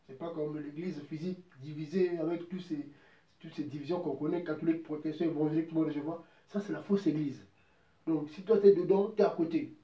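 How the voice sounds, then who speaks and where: Sitting far back from the microphone, a preacher gives an informal sermon in a slightly high, mellow voice. He repeats himself for emphasis and quotes scripture at length, while the room adds a noticeable echo.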